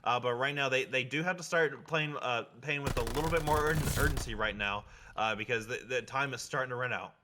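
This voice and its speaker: Male color commentator, hesitant, restarts often, noticeable background noise. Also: mid-range voice. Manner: halting, many restarts and fillers.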